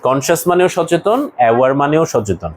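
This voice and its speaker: A man's voice: a little high, sing-song, normal speed, a little hiss or hum, low-quality recording. A man teaching an English lesson to a class, explaining words one by one and asking students questions.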